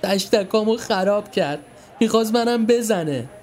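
A man voicing a bratty young boy who whines and taunts in a shrill voice. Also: lively intonation, darkish tone. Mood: fake crying. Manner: shrill, tearful whining.

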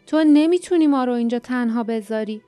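A woman voicing a gruff adult male warrior companion who speaks insistently, in a storybook reading. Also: on the high side, warm tone, no room sound, faint music behind, close to an everyday voice. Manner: growling, insistent.

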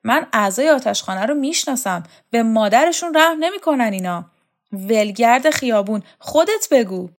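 A woman reading an audiobook, voicing a harsh, bossy woman who scolds and insults loudly. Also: few pauses, lightly acted. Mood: scolding. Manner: shrill, loud, insulting.

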